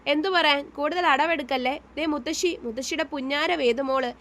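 A woman's voice: high-pitched, a little fast, a bit bright, pitched above the performer's own voice. Woman doing a curt, bossy young groom. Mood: scolding. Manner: curt, scolding. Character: stern, short-tempered young man, bossy groom.

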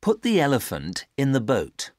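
A actress as a patient instructor with a very low voice and hugely varied intonation. She speaks careful, stilted textbook dialogue in a dry studio sound. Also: wildly swooping pitch, normal speed, a little mellow, no room sound, heavily acted. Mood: patient, instructive. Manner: careful, over-clear instructing. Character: patient adult giving simple picture instructions.

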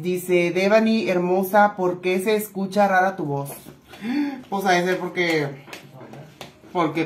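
Chatty woman cooking, echoey room. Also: fairly low pitch. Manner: chatty and affectionate, calls viewers "tesoritos". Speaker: cooking vlogger. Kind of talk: casual cooking chat to viewers. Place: home kitchen. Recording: echoey room with faint noise.

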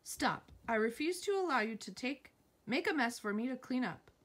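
Lively woman reading captions aloud. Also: a little high, normal speed. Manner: lively, jumps between reading and asides.

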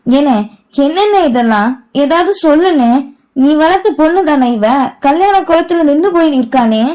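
A woman's voice: sits high, normal speed, pitched above the performer's own voice, close to an everyday voice. A woman voicing a distraught middle-aged mother who wails and laments over her daughter. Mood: pleading. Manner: wailing, lamenting.

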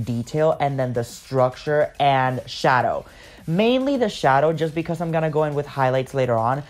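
A man's voice: mid-range voice, a little mellow. A man talking casually over his makeup video, chatty and rambling, with lots of fillers as he explains each step. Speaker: makeup artist.

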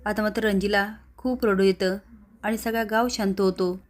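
Flat-voiced woman narrating a serial recap. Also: medium pitch, normal speed. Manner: plain, steady narration.

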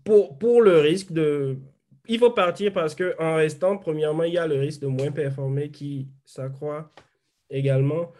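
Young male panelist, video call; slightly higher voice, reflective and methodical. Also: normal speed, mellow. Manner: reflective, explains step by step. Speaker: panelist, software engineer. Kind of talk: online panel discussion.

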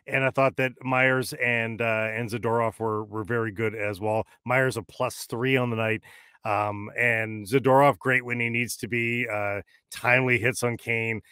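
A man's voice: mid-range voice, fairly even intonation, sharp tone, smooth, no room sound, clean studio sound. Opinionated man in his forties, emphatic. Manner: emphatic, opinionated, quick interjections. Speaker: podcast co-host. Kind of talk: casual sports banter. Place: small padded home studio. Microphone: large studio mic with headphones.

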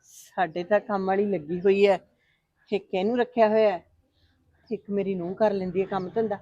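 A woman's voice: mid-range voice, steady tone, normal speed, dark tone, natural voice. A firm, matter-of-fact middle-aged mistress of the house, played by an actress. Her voice is in a mid register and the sound is slightly dull. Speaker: mother-in-law of the house.

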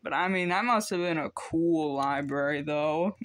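A man's voice: on the high side, normal speed, a bit bright. A teenage boy chatting casually as he unboxes secondhand discs at home, rambling with lots of ums. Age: teens. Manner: rambling, hesitant, many ums. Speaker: vlogger.

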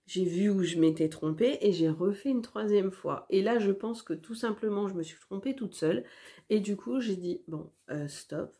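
A woman's voice: mid-range voice, mellow. A woman hosting a knitting vlog, chatting casually with lots of hesitations and restarts while showing her work to the camera. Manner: hesitant, many fillers and restarts. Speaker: knitting podcast host.

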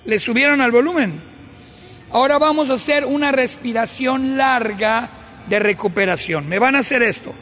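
A man coaching a group of players through breathing drills, giving short commands with pauses, with a Mexican Spanish accent. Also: extremely high pitch, pushed and bright, faint music behind. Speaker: sports coach.

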